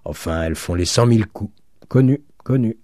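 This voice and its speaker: A mocking, worldly cynic, given voice by a male reader, low and dark in tone. He speaks with sardonic assurance, knowing better than everyone at the table. Dry, close audiobook sound. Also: expressive, normal speed, no room sound, natural voice. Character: cynical worldly middle-aged man, mocking. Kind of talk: audiobook reading.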